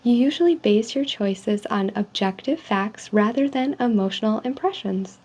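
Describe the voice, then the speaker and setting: Soft-spoken woman, mellow customer service voice. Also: a little high. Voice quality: soft, hushed. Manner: polite, measured customer service manner. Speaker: ASMR role-player as call center agent giving a personality survey. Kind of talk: soft-spoken ASMR role-play, reading survey statements. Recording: dull lo-fi sound with faint noise.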